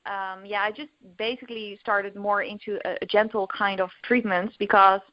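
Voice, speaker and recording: In a podcast interview, a young Dutch recovery coach talks openly, using lots of fillers and starting over often. Her voice is medium-pitched and steady, moving at a moderate pace. The recording is dry, with dull lo-fi audio.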